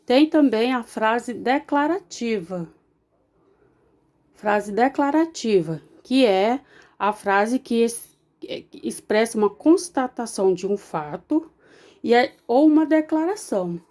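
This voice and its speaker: A woman's voice: fairly high pitch, expressive, slow pace, a little mellow. A Brazilian woman teacher with a Brazilian Portuguese accent explains grammar in a recorded remote lesson. She often checks in with her students and restarts words mid-sentence.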